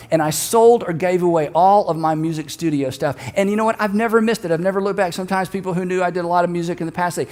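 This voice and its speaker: Middle-aged male pastor, storytelling sermon, higher voice, long hall reverb. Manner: storytelling, rising to emphatic calls with the congregation.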